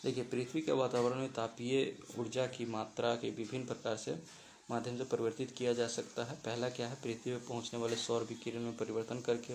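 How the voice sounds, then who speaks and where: Gravelly man explaining quiz answers. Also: mid-range voice, a little mellow, slight background noise, rough recording. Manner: walks through each option step by step, mixing English terms into the talk. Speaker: exam-prep teacher.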